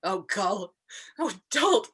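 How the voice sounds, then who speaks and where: A woman's voice: mid-range voice, big pitch swings, slow pace, a bit bright, husky, heavily acted. A woman playing a loyal, outspoken maidservant, impassioned and declamatory, in a Shakespearean tragedy reading. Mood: defiant fury. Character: loyal, outspoken, fiery maidservant to a murdered lady. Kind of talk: Shakespearean tragedy cold read.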